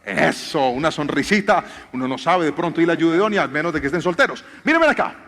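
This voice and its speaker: A man's voice: fairly high pitch, fast talker, a bit bright. A man preaching a theatrical sermon from a stage, directing volunteers. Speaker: pastor. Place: large church hall with audience. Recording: long hall reverb, faint music.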